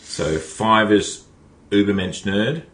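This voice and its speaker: A man's voice: on the low side, slow, a bit bright. A man hosting a casual podcast, rambling with lots of restarts and fillers. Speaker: podcast host. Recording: echoey room, faint ambience.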